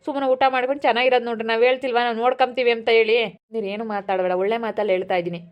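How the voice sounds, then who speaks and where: A caring niece soothes and scolds in a quick, steady flow, as a woman plays her. Her voice sits somewhat high and rushes along very fast. The sound is dull and lo-fi, as in a home recording. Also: close to an everyday voice. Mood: soothing. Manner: rapid, soothing but firm. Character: caring young niece, calm and firm.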